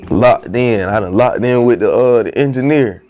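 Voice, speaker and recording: His voice is medium-pitched and a little mellow, moving at a moderate pace. A young rapper on a podcast, he tells his story in loose slang, repeatedly saying "you know what I'm saying," during a casual storytelling interview.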